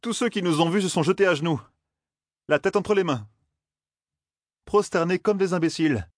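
Reading an audiobook, a man voices an agitated, scornful young male villager at normal speed, pitched higher than his own voice yet close to an everyday voice. The recording is dry, with clean studio sound.

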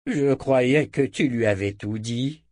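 A man voicing a gruff old wizard. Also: medium pitch, darkish tone, dry recording, clean studio sound, close to an everyday voice. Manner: grumbling, deliberate.

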